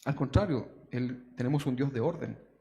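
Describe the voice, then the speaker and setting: A man's voice: mid-range voice, moderate pace, creaky, warm tone, a little hiss or hum. A man preaching a conversational sermon, always adding tag questions to his congregation. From Chile. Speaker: pastor. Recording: long church hall reverb.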